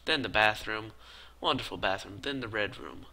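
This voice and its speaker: A tired man talking quietly and casually as he narrates a building game in his video. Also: moderate pace, low-quality recording. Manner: talks quietly and low-key because it is late. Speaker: gaming video creator. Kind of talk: casual gameplay voice-over.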